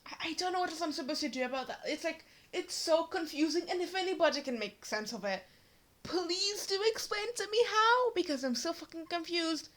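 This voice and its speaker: A woman's voice: very high-pitched, expressive, a little fast, fairly bright tone. A woman ranting in a fan vlog, exasperated and swearing, with many fillers and a cracking voice. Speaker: fan commentator.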